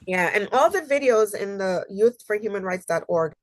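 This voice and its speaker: This woman, a human rights consultant, presents online for a library on a video call, her voice a bit nasal from a lingering cold. She has a mid-range voice with lively intonation, a moderate pace, and no echo. Earnest and conversational, she often says um and tells personal stories.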